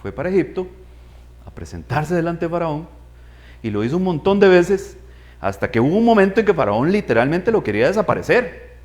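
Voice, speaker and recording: A man's voice: a little high, very animated, brisk, a little mellow. A man preaching a sermon, asking his congregation questions and acting out voices in the story. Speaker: pastor.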